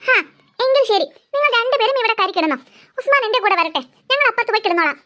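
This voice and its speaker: Cartoon mother, sarcastic, scolding, very high, bright. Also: expressive, fast, full character voice. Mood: calm. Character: scolding middle-aged mother, sharp-tongued and sarcastic. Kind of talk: cartoon voice acting.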